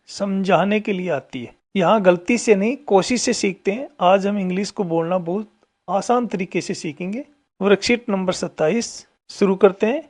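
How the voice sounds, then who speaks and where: A woman's voice: medium pitch, a little mellow. A woman teacher, patiently explaining a workbook lesson step by step and talking straight to the children.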